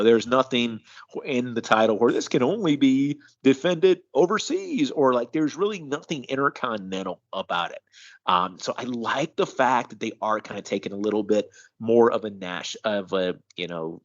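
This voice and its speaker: A man co-hosting a casual show and giving a measured, analytical recap with frequent fillers. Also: mid-range voice, highs cut off. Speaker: co-host of a wrestling news show.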